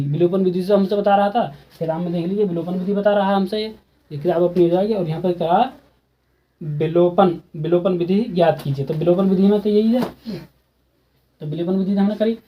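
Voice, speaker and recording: Here a high-voiced man with a Hindi accent is heard on a muffled recording. Casual in manner, he teaches a textbook maths exercise, going back over each step and putting questions to the students.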